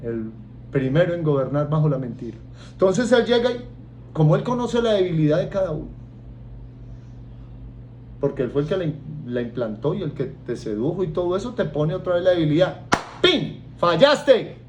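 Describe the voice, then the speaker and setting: A lively Colombian man preaching a sermon, his fairly high voice leaping up and down as he plays out little scenes and jokes with his listeners. A faint hum sits under the recording. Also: normal speed, pauses often. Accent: Colombian Spanish. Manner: animated, acts out voices and jokes with the congregation.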